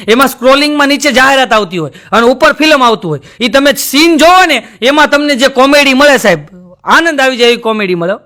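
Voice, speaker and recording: A man doing live stand-up, his voice very high and bright. He tells stories and mimics voices, talking straight to the audience. A crowd murmurs faintly behind him. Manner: storytelling, addresses audience as sir, mimics voices. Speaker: stand-up comedian. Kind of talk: live stand-up jokes and moral talk. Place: stage before a live audience.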